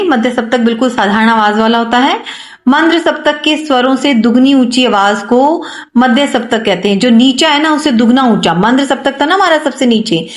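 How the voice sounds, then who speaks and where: A woman with a slightly high voice teaches a music lesson in an echoey room. She poses questions and answers them herself, going back over the key points in classroom fashion.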